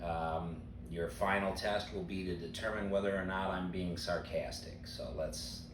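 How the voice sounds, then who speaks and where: Older male teacher, deep voice, bone-dry sarcasm, echoey far-off recording with noise. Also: measured pace. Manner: dry deadpan humor. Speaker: retiring teacher. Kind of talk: deadpan sarcastic interview answers. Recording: roomy sound, mic at a distance, background noise.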